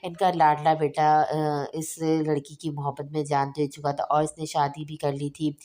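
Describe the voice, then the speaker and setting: A woman narrating an audio novel in a steady, even reading voice. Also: low voice, measured pace.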